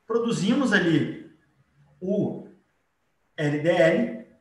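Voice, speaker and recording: A Brazilian-accented biology teacher speaks in a high, expressive voice at an extremely slow pace, giving an informal live lecture while drawing. He explains things casually and keeps checking in with short tag questions. The distant mic picks him up in an echoey room.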